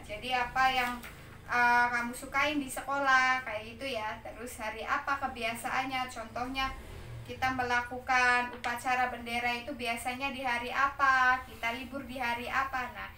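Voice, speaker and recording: A high-pitched woman teaches English to children, explaining exam topics patiently and checking understanding as she goes. Her voice is bright and clear. The recording sounds roomy, with her a little away from the mic. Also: distant mic, a little hiss or hum. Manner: patient, repeats and checks with "ya" and "nah". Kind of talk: explaining exam material to young pupils.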